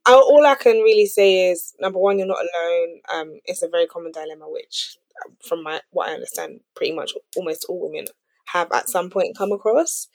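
A woman co-hosting a podcast, giving advice in a measured, earnest, conversational way. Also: lowish voice, a little mellow, no room sound. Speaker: podcast co-host. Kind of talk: casual advice-giving chat.

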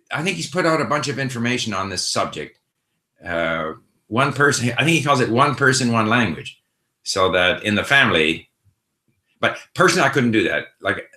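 A middle-aged language-learning host answers viewers in a casual live Q&A, speaking at a normal speed with a medium-pitched, pushed and bright voice and lively intonation. He is thoughtful and chatty, frequently filling pauses and restarting sentences, and a roomy echo colors the audio.

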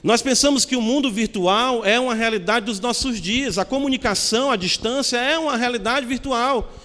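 A man's voice: very high-pitched, normal speed, a bit bright, in a large hall. A male pastor preaching a sermon in an earnest teaching tone, often asking his listeners questions.

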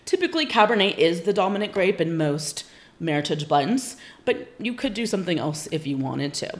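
A woman's voice: on the low side, sing-song, brisk. A woman from Northern California, a winery guest on a casual podcast, explaining things patiently and informatively with frequent ums.

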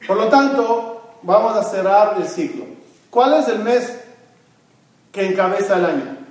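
A man's voice: high voice, animated, unhurried, a little mellow. Guy teaching a religious class, quizzes the crowd, super echoey room, mic far away. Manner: asks the audience questions and answers them himself; mixes Hebrew terms into his speech. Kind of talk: Torah lesson to a congregation.

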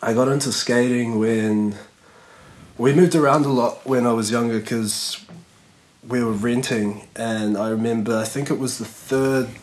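A man's voice: medium pitch, fairly even intonation, unhurried, darkish tone, low-quality recording. A man, a skateboarder chatting as a podcast guest in a laid-back, rambling way full of fillers. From New Zealand. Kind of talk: casual podcast chat.

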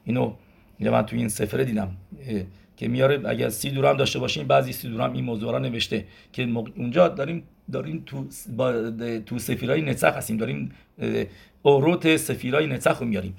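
Gravelly husky rabbi teaching. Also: male voice, mid-range voice. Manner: explanatory, counts gematria aloud, asks and answers himself. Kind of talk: Torah lesson in Persian.

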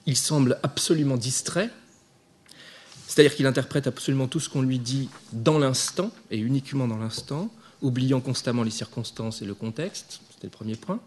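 A man giving an academic lecture, measured and thinking aloud, with small hesitations and restarts. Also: medium pitch, darkish tone, slightly rough.

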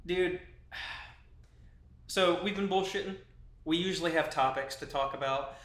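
Young guy cohosting a podcast, bright kinda tense voice, goofy fake-serious banter, echoey room. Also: a little high, a little slow. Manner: joking, mock-earnest banter with bursts of laughter. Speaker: podcast co-host. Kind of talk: casual chat.

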